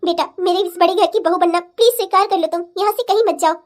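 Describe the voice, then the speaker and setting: A shrill, fiery old cartoon mother-in-law. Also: quick pace. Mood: repentant. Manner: scolding, emotional. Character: fiery older mother-in-law, strict then repentant. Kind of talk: cartoon family-drama dubbing.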